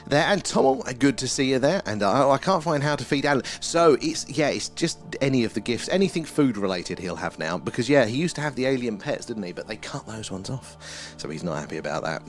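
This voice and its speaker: A man's voice: medium pitch, very animated, brisk, faint music behind. A man with an Essex accent hosting a livestream, chatting casually and answering viewers in a rambling, conversational way. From Essex, England. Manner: rambling, conversational, often ends phrases with "there". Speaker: livestream host. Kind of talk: casual live commentary, answering chat.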